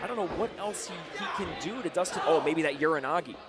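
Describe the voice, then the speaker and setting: A man's voice: fairly high pitch, lively intonation, fast. A man giving live analysis and reactions as an opinionated wrestling commentator. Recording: live event, loud crowd noise. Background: very loud crowd and venue noise.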